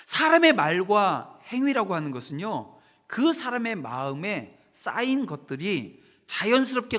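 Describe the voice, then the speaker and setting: A man's voice: high voice, sharp tone. A middle-aged man preaching a Sunday sermon as pastor, emphatic, asking the congregation rhetorical questions. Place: church sanctuary. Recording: reverberant church sanctuary.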